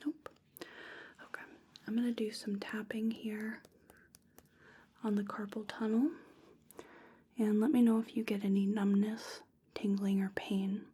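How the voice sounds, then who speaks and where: A woman in a whispered ASMR role-play as a clinician, speaking in a breathy, unvoiced whisper with a soft, soothing, clinical delivery. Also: mid-range voice, little pitch movement, measured pace, pauses often. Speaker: clinician giving a physical exam.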